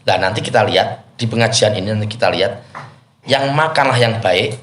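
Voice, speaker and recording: A man giving an Islamic study talk as a preacher, lively and acting out prayers and mock intonation. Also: fairly low pitch, fairly quick. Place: company prayer hall. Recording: echoey room, faint noise.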